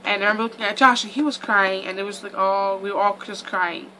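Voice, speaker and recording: A woman's voice: medium pitch, steady tone, fast talker, pushed and bright, slight background noise, low-quality recording. A young woman vlogger telling a casual storytime in a chatty, rambling way full of "like" and "um".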